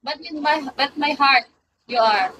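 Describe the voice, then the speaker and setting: A woman's voice: high voice, a little slow, bright, forceful tone, a little hiss or hum, low-quality recording. Giggly young woman live-streaming. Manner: giggly, mixes English and Filipino. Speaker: livestream host. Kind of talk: casual live-stream chat.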